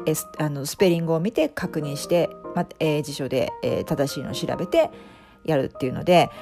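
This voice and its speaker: Middle-aged woman chatting on a podcast, bouncy pitch, soft music under her. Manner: many fillers and restarts, lively pitch. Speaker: podcast guest, life coach. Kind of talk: casual interview talk.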